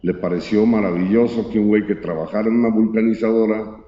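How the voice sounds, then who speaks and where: Guy telling a funny story, lively and slangy, dull recording with long hall echo. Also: lowish voice, fast talker. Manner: lively, colloquial, acts out the characters. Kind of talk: casual anecdote telling.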